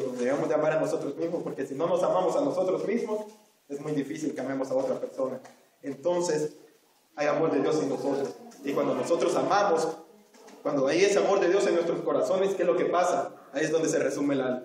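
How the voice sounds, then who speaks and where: A Salvadoran man with a high-ish, slightly mellow voice gives an earnest Sunday school sermon in a church hall, repeating himself and addressing his listeners as brothers. The hall is very echoey and his voice sounds far away. There is a little hiss or hum in the recording.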